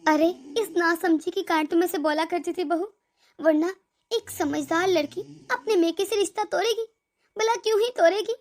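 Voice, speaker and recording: A woman voicing a worried older mother who frets softly and anxiously. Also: very high voice, normal speed, pitched below the performer's own voice. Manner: soft, anxious and fretting. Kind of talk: cartoon voice acting.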